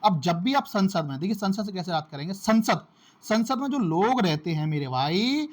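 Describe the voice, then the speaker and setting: High-voiced man teaching memory tricks. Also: expressive, normal speed. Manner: repeats phrases, calls listeners "my brother", makes memory tricks. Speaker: exam-prep teacher. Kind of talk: casual classroom-style lesson.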